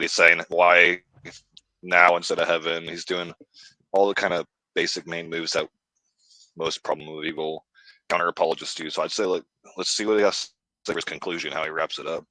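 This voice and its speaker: A man's voice: low-pitched, fairly even intonation, brisk, bright, forceful tone, no echo, rough recording. A man co-hosting a casual chat on a video call, blunt and joking, swearing freely. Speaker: co-host.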